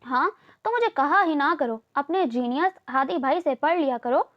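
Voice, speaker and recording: A bristling, sarcastic young woman read by a female narrator in an audio novel. She sulks and snaps back in a high voice. The recording sounds a bit dull and lo-fi. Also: animated, moderate pace. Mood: sulky. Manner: sulky, sarcastic retorts. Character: sharp-tongued young woman, sulky and indignant.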